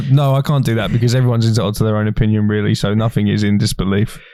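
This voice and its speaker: A man's voice: on the low side, level tone, quick pace, mellow, no room sound, studio quality. A young man co-hosting a podcast, laid-back, laughing often and swearing casually. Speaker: podcast co-host. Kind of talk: casual chat.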